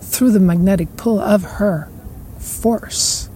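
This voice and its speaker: A woman's voice: mid-range voice, slight background noise. A woman hosting a podcast, musing at length in a reflective spiritual monologue. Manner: slow, musing, with soft laughs and trailing repetitions. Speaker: podcast host.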